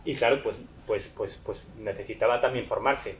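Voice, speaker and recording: A man calmly explaining in a conversational talk, hesitant with many fillers and restarts. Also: fairly low pitch, normal speed, low-quality recording.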